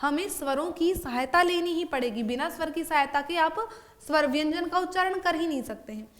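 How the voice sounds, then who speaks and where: A young woman teacher with a high, light voice. She explains a grammar lesson step by step in a classroom way. She keeps asking a question and then answers it herself. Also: brisk, a bit bright. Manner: asks and answers her own questions.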